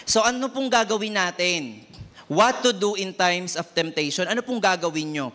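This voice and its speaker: Animated preacher, bright voice. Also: male voice, high-pitched, moderate pace. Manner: mixes Tagalog and English, acts out quoted voices. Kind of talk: sermon.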